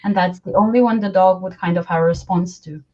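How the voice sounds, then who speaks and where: A woman's voice: fairly low pitch, fairly even intonation, fast talker, darkish tone, lo-fi sound. A woman hosting a live video interview, listening closely and adding short affirmations and her own examples. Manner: attentive, brief affirming interjections. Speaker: interview host.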